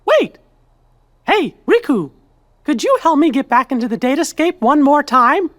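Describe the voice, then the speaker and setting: Squeaky falsetto cartoon mouse, very lively. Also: male voice, unhurried, exaggerated voice. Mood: eager. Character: small, earnest, kindly cartoon mouse king. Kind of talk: animated video game dialogue.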